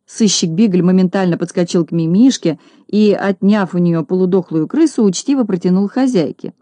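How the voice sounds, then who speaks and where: A woman narrating a children's tale as an audiobook, in a steady storytelling way. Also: on the low side, normal speed, no room sound.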